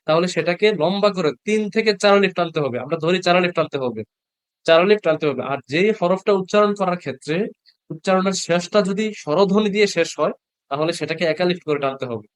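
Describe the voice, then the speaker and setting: Over a video call, a man teaches Quran reading to an online class, patiently sounding out each Arabic letter and repeating it for his learners. His voice is high, quick, clear and resonant, with no room sound.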